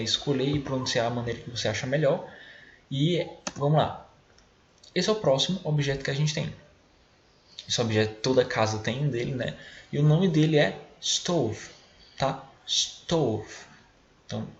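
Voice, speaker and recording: A Brazilian man teaching an English vocabulary lesson to children in a patient, explanatory way, repeating words slowly to model pronunciation. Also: medium pitch, reverberant, lo-fi sound, slight background noise. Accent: Brazilian Portuguese. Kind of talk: recorded online class for children.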